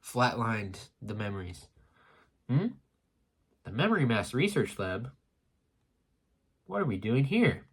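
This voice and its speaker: A man reading a comic aloud for a casual reaction stream, in a steady, plain delivery. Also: mid-range voice, takes it slowly, pauses often, breathy edge.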